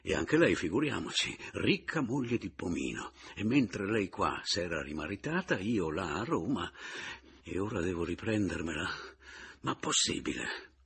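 Husky, expressive male audiobook narrator. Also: deep voice. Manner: expressive first-person storytelling.

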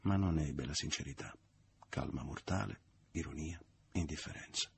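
A man narrating a novel as an audiobook, in a measured, even literary reading. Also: extremely low pitch, creaky, slight background noise.

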